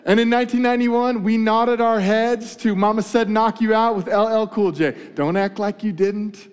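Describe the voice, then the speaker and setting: A man giving a lively, playful talk to a live audience, teasing them as he tells a story. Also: high voice, moderate pace, clear, resonant tone. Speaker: speaker addressing a live audience. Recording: long hall reverb.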